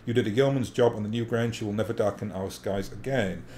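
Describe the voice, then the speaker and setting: A man voicing an honourable noble lord from a video game, formal, measured and stately. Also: lowish voice, darkish tone, lightly acted. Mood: grave, grateful. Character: courteous noble lord, grave, grateful, honourable. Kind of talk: reading game dialogue aloud in character. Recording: faint background noise.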